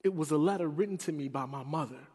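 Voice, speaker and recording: Male preacher from Chicago, animated confessional storytelling, slightly high voice, long hall reverb. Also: quick pace, breathy edge. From Chicago, United States. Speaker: chapel speaker. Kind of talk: storytelling sermon.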